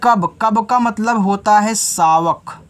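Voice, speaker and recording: A man with a Hindi accent teaching English phonics to children, slowly spelling out letters and repeating the answers to his own questions. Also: high-pitched. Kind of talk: whiteboard phonics lesson.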